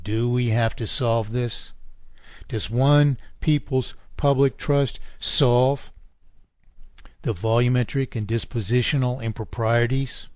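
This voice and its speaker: A man lecturing at length on a radio show, emphatic and insistent, with his voice climbing high when he fires off indignant questions. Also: darkish tone, no room sound. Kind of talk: talk radio monologue.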